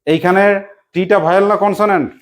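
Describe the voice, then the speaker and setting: A teacher giving a classroom lesson, quizzing pupils with repeated questions and briskly praising correct answers. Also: medium pitch, fairly even intonation.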